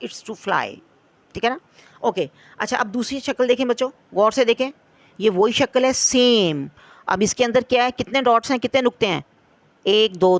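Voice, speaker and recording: Woman teacher, patient children's lesson read, mid-range voice. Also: medium pitch. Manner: patient, drills words slowly for repetition; mixes in English phrases. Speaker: Urdu teacher.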